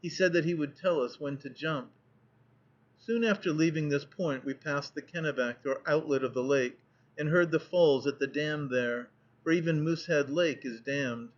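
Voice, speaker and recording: A man reading a nineteenth-century travel narrative aloud as an audiobook narrator, in a steady, measured way. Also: on the high side. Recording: dull lo-fi audiobook recording.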